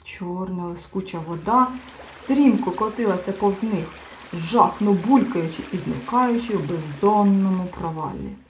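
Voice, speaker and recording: A woman's voice: medium pitch, measured pace, slight background noise. A woman reading a children's fairy tale as an audiobook narrator, with faint music behind. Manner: expressive, animated reading. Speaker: storyteller.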